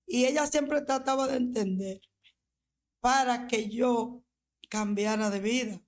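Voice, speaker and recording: A woman pastor tells her personal testimony slowly and earnestly, leaving long pauses as she speaks. Her voice sits a little high for a woman, and her pace is deliberate and measured.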